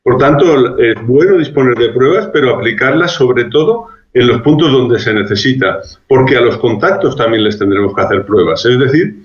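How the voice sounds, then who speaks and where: Man explaining calmly in a roomy, dull recording. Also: mid-range voice. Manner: measured, reasoned, with frequent restarts. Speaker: public health expert interviewed as guest. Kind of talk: explanatory interview answers.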